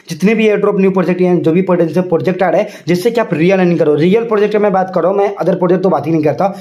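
Man, high voice with a dark, relaxed tone; casual walkthrough host, insistent and repetitive. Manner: chatty, repeats filler phrases, mixes in English words; insistent, direct address to viewers. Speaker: crypto YouTuber. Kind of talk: casual screen-walkthrough explainer.

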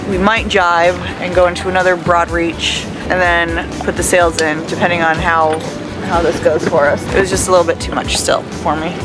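A woman's voice: fairly low pitch, flat delivery, normal speed, music in the background, poor audio. A woman in her thirties, talking candidly to a handheld camera while out sailing on a small boat. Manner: chatty, candid about nerves. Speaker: vlogger learning to sail. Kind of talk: casual vlog narration. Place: small sailboat out on open water. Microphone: phone camera at arm's length.

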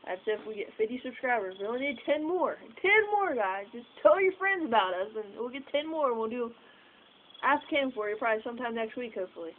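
High-leaning, expressive and fast, a young woman's voice carries her casual vlog chatter on a house porch at night. She meanders, leaning on fillers and now and then swearing. The phone camera sits far off, so the outdoor audio is tinny with noise.

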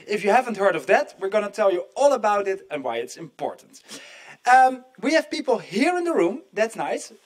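High-voiced chatty man moderating an event. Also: very animated, normal speed. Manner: chatty, jokey, addresses the audience directly. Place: conference hall.

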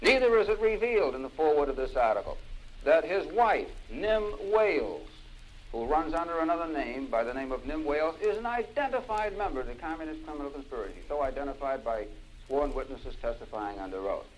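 A man's voice: on the high side, animated, fairly quick, slight background noise, poor audio. A man giving an impassioned political lecture, stressing his points by repeating key phrases, heard from an old vinyl record. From United States.

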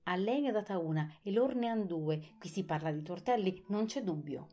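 A woman's voice: fairly low pitch, lively intonation, moderate pace, mellow, soft background music. A woman reading an audiobook, voicing a fussy, self-satisfied king. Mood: pondering. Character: fussy pompous King of Hearts, fictional storybook king.

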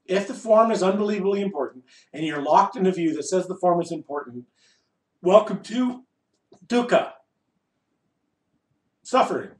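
A man giving an informal spiritual discourse to a group, wry and emphatic, pausing deliberately between short phrases and putting rhetorical questions. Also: sits high, animated, a little mellow. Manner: wry and playful, asks and answers rhetorical questions. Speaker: spiritual teacher leading a group satsang. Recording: echoey room, voice distant from mic.

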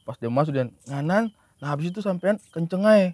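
Lively, fairly high-voiced man telling a story. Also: fairly quick, background noise. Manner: animated, insists his story is true. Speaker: podcast co-host. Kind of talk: casual chat, storytelling.

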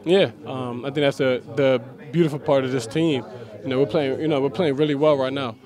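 A young man, a college basketball player, answering post-game questions haltingly with many fillers in a locker room. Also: mid-range voice, steady tone, crowd noise. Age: young adult. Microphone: handheld mic held by interviewer.

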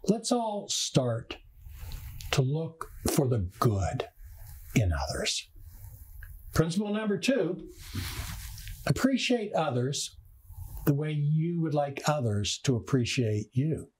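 A man preaching a sermon as a pastor, earnest and unhurried, drawing out key words for emphasis. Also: on the high side, big pitch swings, darkish tone, a little hiss or hum.

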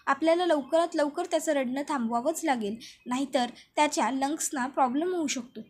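A woman's voice: high voice, fairly quick, natural voice. A woman doing a stern grave doctor. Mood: grave, firm. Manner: firm, explanatory.

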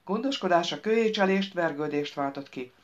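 A woman narrating an audiobook with a lively, expressive reading. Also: on the low side, muffled recording. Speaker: audiobook reader.

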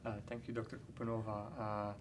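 A man in his thirties from Belgium, a researcher explaining his work in a measured way with many fillers, at a conference interview. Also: fairly low pitch, little pitch movement, slight background noise. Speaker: award-winning researcher, interviewee. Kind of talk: scientific interview. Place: conference interview booth, indoors.

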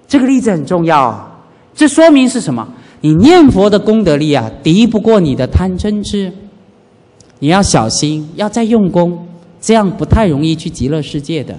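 A man, a Buddhist monk, giving a lively dharma lecture and acting out everyday scenes. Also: high-pitched. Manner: animated, urges listeners to pay attention, acts out everyday scenes. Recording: reverberant hall.

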